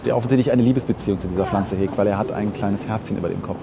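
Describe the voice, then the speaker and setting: Walking city streets, a man with a fairly low voice races through his casual, opinionated podcast banter, wordy and constantly rephrasing. Vehicles and street sounds are clearly audible around him.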